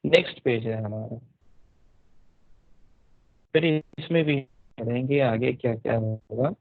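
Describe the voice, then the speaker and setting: A male teacher giving an online grammar class, repeating and drilling terms and asking quick questions. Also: mid-range voice, creaky, dry recording. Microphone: computer mic, online class. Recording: dry, dull lo-fi online audio.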